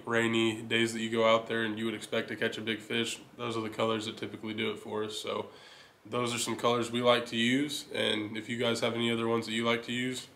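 Young man talking fishing lures flatly. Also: mid-range voice, a little hiss or hum. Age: young adult. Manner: steady, enthusiastic product rundown. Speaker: fishing channel host. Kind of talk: casual gear talk to camera. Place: indoor living room.

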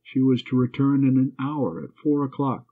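A man's voice: mid-range voice, flat delivery, moderate pace, natural voice. A man voicing a refined, spirited young woman who speaks with proud condescension, on a dull lo-fi recording. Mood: haughty.

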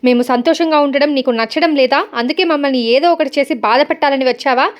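A woman's voice: sits high, brisk, natural voice. A woman reading as a stern older father. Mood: angry. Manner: stern, scolding. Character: angry father of the house, older man.

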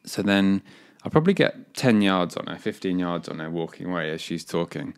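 A man's voice: low-pitched, animated, fairly quick, clear, resonant tone. A young English man telling a story in a laid-back, rambling podcast chat, laughing as he goes. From England. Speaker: podcast guest, cricketer.

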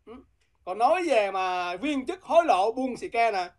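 Woman, guest, heated political talk, confrontational, slightly high voice. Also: lively intonation, normal speed, a little mellow. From Vietnam. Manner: combative, challenging, repetitive.

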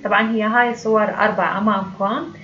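A woman's voice: mid-range voice, steady tone, fast, a bit bright, muffled recording, slight background noise. A woman teacher with an Iraqi Arabic accent who reads English exercise lines aloud, then translates and explains each one. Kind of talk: explaining a textbook lesson.

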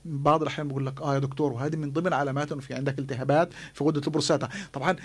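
A man's voice: a little high, fairly even intonation, rapid-fire, breathy edge. A middle-aged man with a Palestinian Arabic accent, explaining emphatically as a doctor in a radio interview, often repeating his words. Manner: emphatic, repeats words, acts out patients' questions. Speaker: doctor, studio guest. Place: small radio studio, indoors. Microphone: desk studio microphone.

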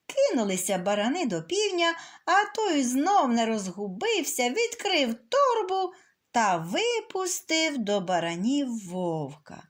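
High, lively woman reading a fairy tale. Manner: expressive, melodic storytelling. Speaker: storyteller.

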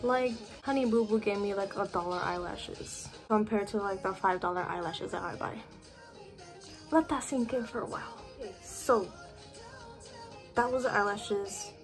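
A woman's voice: mid-range voice, normal speed, faint music behind. A teenage girl chatting casually to her webcam in her bedroom, full of "like" fillers. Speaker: vlogger. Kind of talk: casual chat to camera. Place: bedroom at home.

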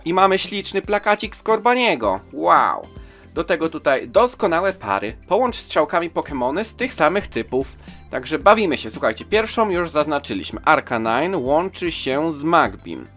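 A collector channel host reading a comic magazine aloud. The voice swings lively up and down with enthusiasm, and faint music plays behind. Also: medium pitch.

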